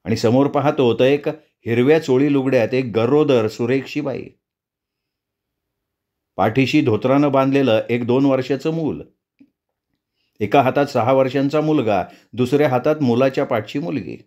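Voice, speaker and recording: A man narrating a spooky story in a dramatic, deliberate storytelling manner. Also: mid-range voice, a little mellow.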